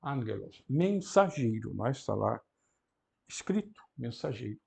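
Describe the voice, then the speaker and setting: A man teaching an introductory Greek class, explaining pronunciation slowly and deliberately and often adding tag questions. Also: fairly high pitch, big pitch swings, gravelly, a little mellow, husky. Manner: slow and deliberate, frequent "não é?" tag questions. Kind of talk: university lecture.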